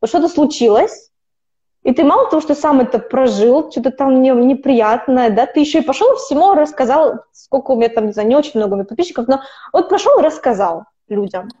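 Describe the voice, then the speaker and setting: On a dull lo-fi recording, a woman in her twenties talks with a high-pitched, animated, mellow voice at a slightly fast clip. She's an opera student guesting on a podcast, chatting casually in an interview and rambling with frequent restarts and self-corrections.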